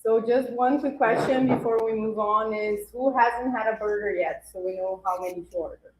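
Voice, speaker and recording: Woman event host, slightly high voice, roomy sound. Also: steady tone, normal speed, a little hiss or hum. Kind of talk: casual event hosting.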